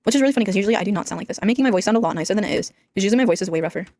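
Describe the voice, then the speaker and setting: A teenage girl talks over her gameplay at a very fast clip, her pitch sitting in an ordinary middle range. She rambles from thought to thought in a deliberately flat, monotone way, leaning on "like" again and again. It sounds like casual gaming commentary recorded at home. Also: slight background noise. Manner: rambling, flat monotone delivery, says "like" constantly. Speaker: gaming YouTuber.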